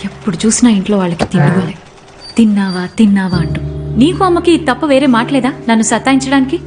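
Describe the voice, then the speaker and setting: A woman's voice: a little high, very animated, fast, darkish tone, faint music behind. A cheeky schoolgirl. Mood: irritated. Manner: snappy, talks back. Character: teenage schoolgirl, sulky and cheeky. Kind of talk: dubbed drama dialogue.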